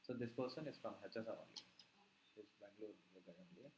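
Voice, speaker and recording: A man's voice: on the low side, fast talker, darkish tone. A man with an Indian accent chatting casually as an instructor, often repeating words and tagging points with okay. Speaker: web development instructor. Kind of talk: casual teaching and class chat. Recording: echoey room with background noise.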